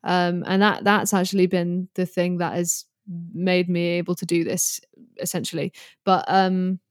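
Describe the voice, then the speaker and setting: This is a casual chat with a British guitarist and online creator in her early twenties, a podcast guest who speaks candidly, informally and with some rambling. Her pitch is fairly low, her tone level and her speed normal. The studio-quality recording is dry.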